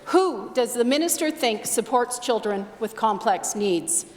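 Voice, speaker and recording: High-voiced Canadian woman attacking in parliament. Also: lively intonation, measured pace. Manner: accusatory, critical. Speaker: opposition legislator. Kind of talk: formal parliamentary statement. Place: large indoor legislative chamber. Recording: echoey legislative chamber, long reverb.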